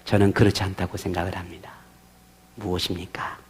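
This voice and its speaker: A man's voice: sits low, flat delivery, fairly quick, breathy edge. A male pastor preaching a sermon, asking his congregation rhetorical questions.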